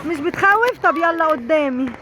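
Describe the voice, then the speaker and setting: Very high-voiced Egyptian mother. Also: expressive, a little fast. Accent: Egyptian Arabic. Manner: doting, fussing and cheering kids on. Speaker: mother filming her daughters. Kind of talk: casual family vlog. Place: outdoor water park. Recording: noisy crowded outdoor park.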